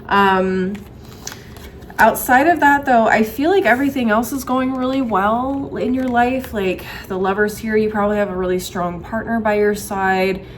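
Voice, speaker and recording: Casting: young female tarot host, casual and conversational, thinks aloud, medium pitch, noticeable background noise. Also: normal speed. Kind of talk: casual tarot reading to camera.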